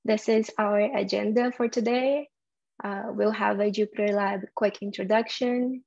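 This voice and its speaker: A woman's voice: mid-range voice, fairly even intonation, unhurried, vocal fry, a little mellow, dull audio. A young woman from Brazil with a Brazilian Portuguese accent, presenting a tech talk and explaining things with frequent ums and uhs. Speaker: software developer giving a conference talk.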